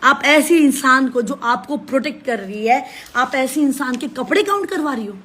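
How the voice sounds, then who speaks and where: A woman's voice: high voice, expressive, moderate pace, a bit bright, husky. A woman ranting on a live stream from her phone, scolding and accusing in an insistent way. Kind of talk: heated live-stream rant.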